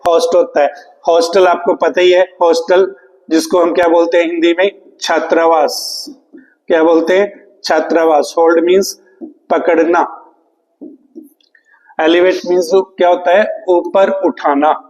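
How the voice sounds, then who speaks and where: A male English teacher coaching for an exam, who asks the class questions and answers them himself, repeating key words and reading English slowly. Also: sits high, darkish tone, big-room sound, low-quality recording. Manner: reads English question text slowly and deliberately; calls students "beta" affectionately. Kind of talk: classroom lesson.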